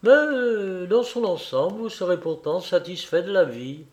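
A gentle, sincere young man, calm and reassuring in every word, as a man reads him aloud. The delivery is unhurried and fairly high for a man, in a storybook reading.

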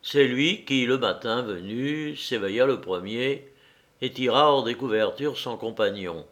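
A man reading a novel aloud in a measured, deliberate audiobook narration. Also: medium pitch, fairly bright tone.

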